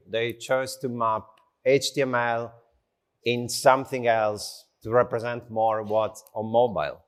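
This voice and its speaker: Unhurried man giving a conference talk. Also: mid-range voice. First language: not English. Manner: unhurried, slow delivery with short phrases. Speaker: conference speaker. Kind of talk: conference tech talk, conversational. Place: conference stage in front of an audience.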